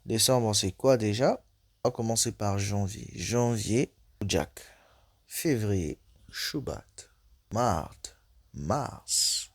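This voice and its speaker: A man with a low, gravelly, somewhat husky voice teaches a vocabulary lesson. He goes slowly, saying each word and repeating it. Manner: lists words slowly one by one, repeating each. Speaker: language teacher.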